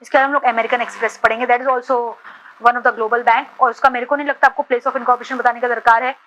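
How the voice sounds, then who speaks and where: Bright high-voiced woman teaching. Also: level tone, highs cut off. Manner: quizzes students with rapid questions, mixing Hindi and English; repeats "ठीक है" to check understanding. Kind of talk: exam-prep lecture.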